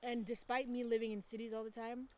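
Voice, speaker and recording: A woman's voice: a little high, level tone, a little mellow, a little hiss or hum. A woman, chatting in an upbeat, casual way on a vlog. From Canada. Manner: chatty, upbeat, quick to laugh. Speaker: vlogger. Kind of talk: casual chat. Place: countryside home, birds around.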